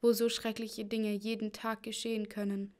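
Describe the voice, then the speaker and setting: A woman's voice: mid-range voice, little pitch movement, normal speed, a little mellow, natural voice. A woman voicing frightened peasant women who lament their fate.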